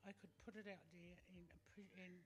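A woman in her fifties from Tonga, talking as a guest in an on-stage interview, halting and full of fillers, holding a handheld mic. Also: on the low side, fairly even intonation, background noise. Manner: hesitant, halting with many fillers. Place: large hall with stage and audience. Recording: long hall reverb.

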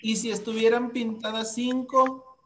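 A woman's voice: fairly high pitch, little pitch movement, a little slow, a little hiss or hum. A Mexican woman teaching a math lesson to young children, asking questions patiently.

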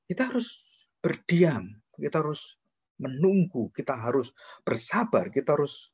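A male pastor preaching a sermon in an animated way, asking rhetorical questions and swinging from quiet remarks to high emphatic calls. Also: a little slow, slightly rough, dull audio.

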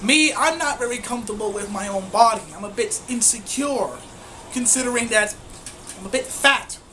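A woman's voice: fairly high pitch, normal speed, sharp tone, slight background noise, poor audio. A woman giving profane, mocking commentary on a video she is reacting to. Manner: crude, profane and scornful.

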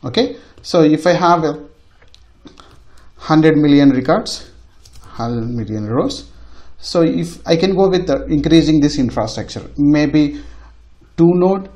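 A man acting as a tutorial instructor gives an informal technical lecture over a screen demonstration, often repeating phrases for emphasis. His voice is on the high side and expressive, with a darkish tone. He speaks slowly and leaves long pauses.

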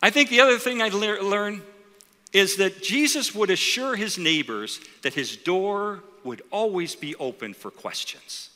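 A man's voice: high voice, animated, measured pace, bright, forceful tone. A middle-aged man preaching a sermon to a congregation, telling stories, acting out quoted voices and asking rhetorical questions. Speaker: pastor. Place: large church auditorium. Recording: reverberant auditorium.

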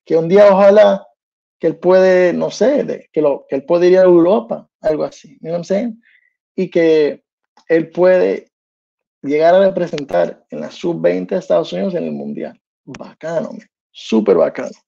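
Casual solo sports commentary from a thirties-aged New Jersey man, loose and chatty with slang sprinkled in. He sits high in pitch, speaks expressively at normal speed with mellow vocal fry. Recorded indoors in a small room, the audio has its highs cut off.

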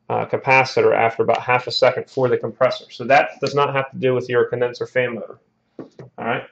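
A man's voice: medium pitch, muffled recording. A man, an HVAC technician, walking through a repair step by step at a workshop bench, often checking in with "all right?" and "okay?". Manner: explanatory, peppers lines with "all right?" and "okay?". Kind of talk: hands-on repair tutorial.

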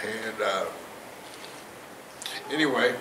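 On the low side and extremely slow, a man in his fifties tells his personal story as a testimony before a church congregation, chuckling at his own jokes as he rambles. He is indoors on the stage of a big sanctuary. The audio comes from a camera far away with no mic in view, giving a noisy, roomy, distant echo.

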